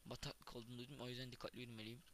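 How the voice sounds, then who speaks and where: A young man chats through his game session in a bright, forceful voice, exclaiming and thinking aloud at every find. There is a faint hiss behind him and the odd mouse click, as at a home desk setup. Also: mid-range voice, racing. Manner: chatty, excitable, thinks aloud and exclaims at finds. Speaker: gaming YouTuber. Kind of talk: casual Minecraft let's play commentary.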